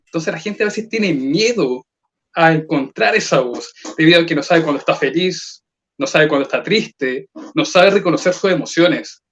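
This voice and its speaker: Male voice coach, explanatory lecturing tone, somewhat high pitch, dull call audio. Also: animated, moderate pace, a bit bright, a little hiss or hum. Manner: explanatory, lecturing with rhetorical questions. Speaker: voice trainer. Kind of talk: online seminar talk.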